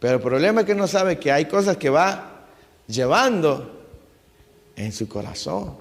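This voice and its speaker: A man's voice: a little high, expressive, moderate pace. A man preaching a sermon as pastor, asking rhetorical questions and mimicking the people he quotes. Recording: long hall reverb.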